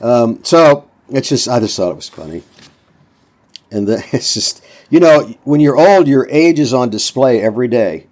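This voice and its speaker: A man's voice: medium pitch, lively intonation, normal speed, a little mellow. Older man in his seventies telling gym stories. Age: 70s. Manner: folksy storyteller, acts out quotes. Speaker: podcast host. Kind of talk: casual motivational talk.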